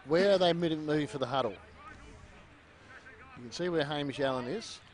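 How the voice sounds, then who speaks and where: A man with an Australian accent trading jokes as co-commentator at a school football match outdoors. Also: fairly high pitch. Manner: quick, joking banter. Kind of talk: casual sports commentary. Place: outdoor sports ground. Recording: noisy outdoor livestream.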